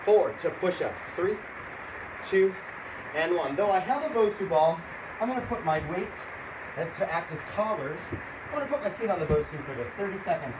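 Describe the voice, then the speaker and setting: The recording is echoey, with very loud noise behind the voice. An aerobics instructor with a mid-range voice leads a workout at home. The delivery is directive and encouraging, built on short cues and countdowns. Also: medium pitch, expressive, normal speed. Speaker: fitness instructor leading a live home workout. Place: indoors at home, room with low ceiling.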